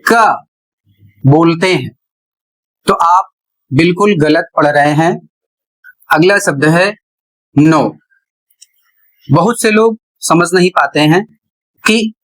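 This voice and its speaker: A man with a high voice walks through a lesson at an unhurried, careful pace. He spells out each word letter by letter, like a patient classroom teacher. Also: fairly bright tone, rough recording. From India. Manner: deliberate, spells words out letter by letter. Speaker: English teacher. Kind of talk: slow classroom explanation.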